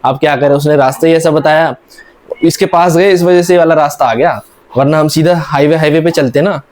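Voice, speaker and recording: A young man from India tells a rambling vlog story at a quick clip, jumping back and restarting. His voice sits a little high and sounds mellow and soft-edged. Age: young adult. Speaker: vlogger. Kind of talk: casual vlog narration.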